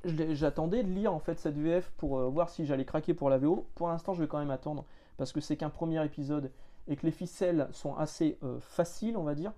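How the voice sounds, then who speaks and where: A man's voice: on the high side, a little fast, dark tone. A man giving a casual spoken review of comics, hesitant and filled with filler sounds, frank and blunt with slang.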